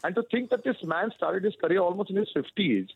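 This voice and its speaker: A man's voice: high voice, animated, fast, gravelly, husky, narrow, tinny audio. A man giving chatty, opinionated film gossip as a radio show correspondent, speaking with enthusiasm. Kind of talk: casual chat over radio.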